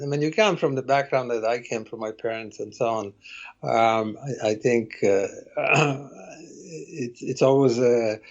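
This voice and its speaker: A man in his sixties from Slovakia speaks as a podcast guest at a middle pitch. He tells his story slowly and reflectively. The remote audio sounds slightly muffled and lo-fi. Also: a little mellow. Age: 60s. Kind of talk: casual interview conversation.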